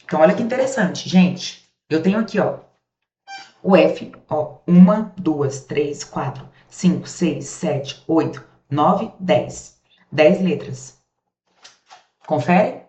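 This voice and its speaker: Speaking slowly in a deep, mellow and expressive voice, a Brazilian grammar teacher leads a recorded lesson, voicing speech sounds aloud and asking her class rhetorical questions. She has a Brazilian Portuguese accent, and the sound is dull, distant and roomy.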